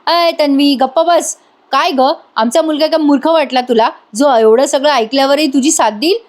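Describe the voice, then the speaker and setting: A woman's voice: high-pitched, normal speed, voice pushed up, natural voice. A woman voicing a stern older father who scolds curtly. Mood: angry. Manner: scolding, curt.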